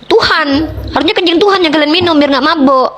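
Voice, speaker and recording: A woman's voice: sits high, brisk, a bit bright, a little hiss or hum. A young Indonesian woman hosting a heated online debate, combative and mocking, talking over her opponent. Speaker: debate host.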